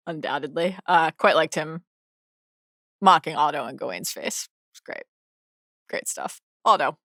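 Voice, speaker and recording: A woman co-hosting a podcast, recapping a TV episode quickly and enthusiastically, often restarting sentences. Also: low-pitched, fairly bright tone, no echo, clean studio sound. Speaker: podcast co-host. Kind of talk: casual TV recap chat.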